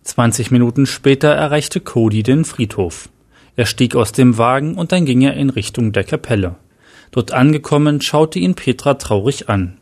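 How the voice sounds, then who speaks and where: A man reading out a dramatic story as narrator, at a plain, even pace. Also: mid-range voice, moderate pace.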